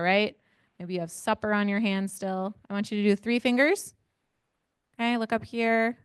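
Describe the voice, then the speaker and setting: A woman with a smooth, clear voice runs an interactive parenting workshop. She keeps firing questions at the group and walks them through little exercises. The sound is dry and close. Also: mid-range voice, dry recording. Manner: engaging, asks the audience many questions. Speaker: parent educator.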